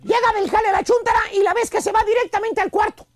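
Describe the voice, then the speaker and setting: A man with a Mexican Spanish accent hosting a radio comedy routine, telling a comic story with animated shouts and drawn-out pauses for effect. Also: very high-pitched.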